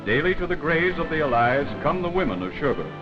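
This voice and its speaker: A man reads scripted wartime newsreel narration in a formal, dramatic 1940s style, his fairly high voice sing-song and fairly quick. The dull vintage film soundtrack carries loud background music.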